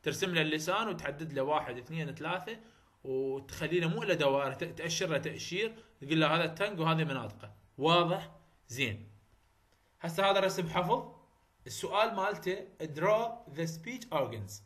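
A man's voice: a little high, lively intonation, quick pace, fairly bright tone. A man with an Iraqi Arabic accent giving a university phonetics lecture, often repeating terms and checking that students follow. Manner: repetitive, checks understanding, mixes English terms into Arabic.

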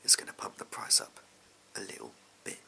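A man's voice: brisk, pushed and bright. A young English man in a whispered role-play, playing a shady, amoral backstreet gun dealer with furtive, clipped, offhand sleazy salesman patter. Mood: furtive, casual. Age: young adult. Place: small indoor room at home. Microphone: close to the camera.

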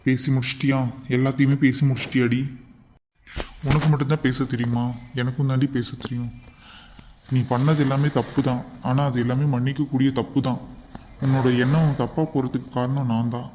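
A man's voice: medium pitch, flat delivery, brisk, darkish tone, slight background noise, natural voice. Man voicing a firm, forgiving young husband. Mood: reassuring. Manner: firm, reassuring. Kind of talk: amateur cartoon voice acting.

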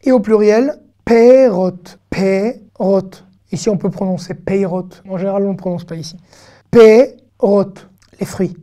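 A woman teaching an online language lesson, patiently explaining and repeating sounds slowly for learners. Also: medium pitch, warm tone. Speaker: Hebrew teacher.

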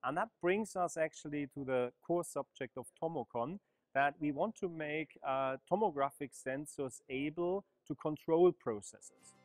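A middle-aged man explaining a research project in an interview, measured and full of small uh pauses, on a lapel mic in a large bright hall. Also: on the high side. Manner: measured, explanatory, frequent uh fillers. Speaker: project coordinator.

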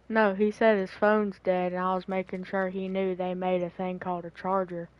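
A woman's voice: lowish voice, flat delivery, normal speed, clean tone. Woman, hunting companion, dry sarcastic teasing, dull muffled sound. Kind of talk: casual chat while hunting. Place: outdoors at dusk.

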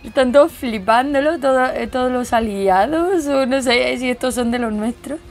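Excitable woman reacting to manga. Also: high-pitched. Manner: excitable, exclamatory, quick to gasp and laugh. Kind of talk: reading and reacting to a manga chapter.

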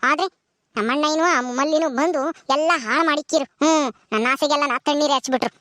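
A woman's voice: high voice, quick pace, a bit bright, dry recording, studio quality. A woman voicing a scheming, greedy elder sister in a cartoon, talking with a mocking, scolding sneer.

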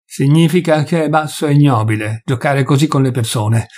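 A man voicing a furious, grieving male doctor who shouts and hammers out each word, with a husky voice. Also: on the high side, normal speed, natural voice.

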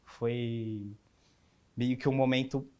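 A man's voice: mid-range voice, steady tone, takes it slowly, warm tone, muffled recording. A young man in his twenties with a Brazilian Portuguese accent, a guest speaking openly and earnestly about his life, with frequent restarts. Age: 20s. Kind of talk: candid personal interview.

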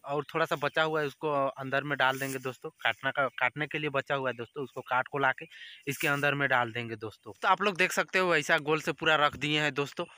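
A young vlogger speaks quickly in a slightly high, bright, forceful voice with a steady tone, chatting to viewers he calls friends. He's filming casual narration in open farm fields with a phone selfie camera at arm's length, and the recording is dry.

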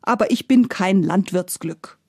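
A sleepy sprite of good luck, played by a woman storyteller, murmurs calm, matter-of-fact advice. Dark and husky, close and dry. A storybook figure. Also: medium pitch, measured pace, dry recording.

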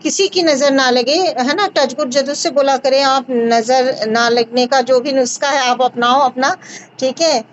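A woman in her thirties hosting a casual video call chat, reassuring and warm in manner, blessing her guest with pious phrases. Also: high-pitched, steady tone, unhurried. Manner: warm, reassuring, says mashallah. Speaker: host of a home remedy channel. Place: small room indoors. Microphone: video call on phone. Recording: dull lo-fi video call audio.

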